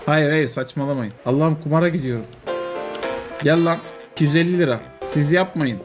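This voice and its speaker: A man giving casual, joking commentary while playing a game, quick to exclaim and swear. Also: fairly high pitch, music in the background. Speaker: streamer.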